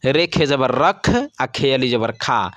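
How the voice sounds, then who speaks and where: A man teaching how to read Urdu, spelling words letter by letter and then reading each one slowly. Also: mid-range voice, animated, a bit bright, dry recording, studio quality. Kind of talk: slow spelled-out reading lesson.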